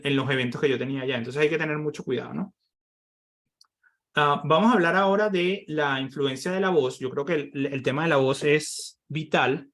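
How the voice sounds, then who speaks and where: A man from Venezuela teaching an online workshop on presentation skills, explaining points and often tagging sentences with quick questions to his audience. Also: fairly high pitch, fairly bright tone. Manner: explanatory, with many rhetorical tag questions. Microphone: computer microphone on a video call.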